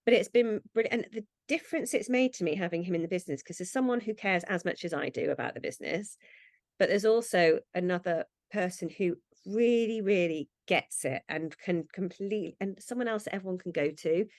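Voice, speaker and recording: Chatty woman, low dry voice. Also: a little fast, dry recording. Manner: chatty, acts out quoted thoughts. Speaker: brand founder, podcast guest. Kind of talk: casual interview chat.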